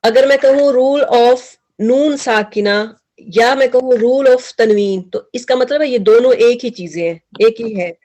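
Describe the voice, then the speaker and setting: Patient female Quran teacher, slightly high voice, slow drilling questions, mixes in English words. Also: dark tone. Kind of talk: tajweed class teaching.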